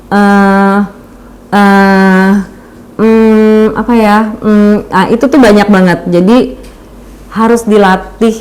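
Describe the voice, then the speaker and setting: A woman giving a casual webinar talk on presentation skills, chatty and full of fillers, often acting out little examples. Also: mid-range voice. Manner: chatty, uses many fillers and acts out examples.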